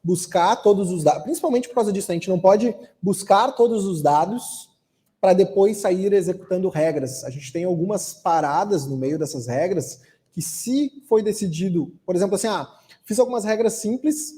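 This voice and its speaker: A man speaking as a software architect, answering an audience question at a tech talk in a relaxed, explanatory way. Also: high-pitched, moderate pace. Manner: explanatory, relaxed, frequent "né?" tags. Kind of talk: conference Q&A answer.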